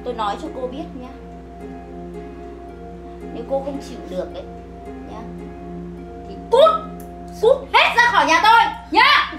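An actress playing an arrogant, wealthy older mother-in-law who scorns her country in-laws, shouting shrilly. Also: a little high, moderate pace, long pauses, echoey room, loud music behind the voice, close to an everyday voice. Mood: contemptuous. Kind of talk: web drama acting.

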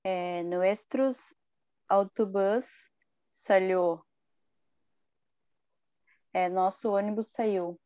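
A woman student whose first language is Portuguese, reading hesitantly and very slowly. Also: mid-range voice, steady tone, mellow, dry recording, studio quality.

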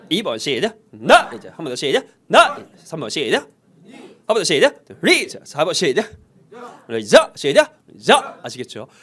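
A man teaching English conversation in an energetic lecture, leading call-and-repeat drills and cueing the class to start again and again. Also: on the high side.

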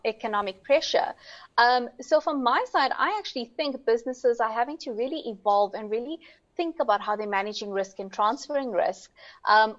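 A woman, answering as an insurance expert on a panel, articulate and businesslike. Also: fairly high pitch. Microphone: video call. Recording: slightly muffled video call audio.

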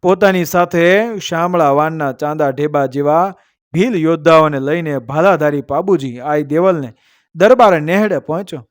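Male storyteller, fairly high voice, dry close sound, chants verses and then explains them. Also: normal speed, dry recording. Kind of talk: devotional folk story narration with recited verses.

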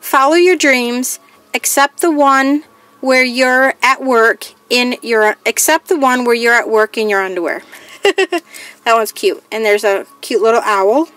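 A woman's voice: on the high side, fairly even intonation, unhurried, fairly bright tone. A woman crafting vlogger chatting casually through a haul, reading each item aloud in a plain, listing way. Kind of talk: casual haul show-and-tell.

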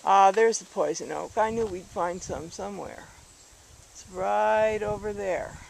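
A woman's voice: unhurried, vocal fry, darkish tone. A woman narrating her walk along a rural road at dusk, thinking aloud and correcting herself as she films with a handheld camera. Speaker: hiker filming a walk. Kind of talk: casual narrated walk video. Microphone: handheld camera mic. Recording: faint outdoor noise, handheld camera. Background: distant highway traffic.

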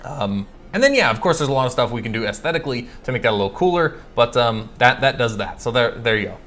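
A man from California hosting a casual live coding stream, chatting and thinking aloud, reading code out slowly with lots of fillers and self-corrections. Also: mid-range voice, big pitch swings, fairly bright tone. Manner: reads code aloud slowly while typing. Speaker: livestream host answering coding questions.

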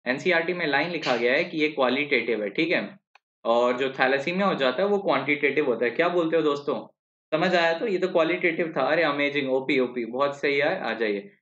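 A man's voice: fairly high pitch, a little fast, a bit bright. A man teaching biology in a live online exam-prep class, chatty and quizzing his students, mixing in English terms with an Indian English accent. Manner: mixes Hindi with English terms. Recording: echoey, dull lo-fi live stream audio.

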